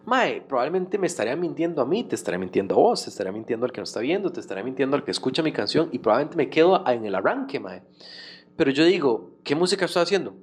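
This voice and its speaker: A man with a Costa Rican accent, a guest musician talking in a relaxed, slangy and animated way in a casual conversation. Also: mid-range voice, rapid-fire, husky. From Costa Rica.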